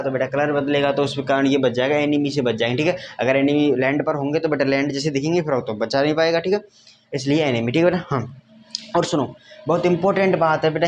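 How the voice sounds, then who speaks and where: A man whose voice is on the high side teaches a science lesson at a whiteboard, repeating himself and regularly asking if students have understood, addressing them as "beta." The audio is dull with a little hiss or hum.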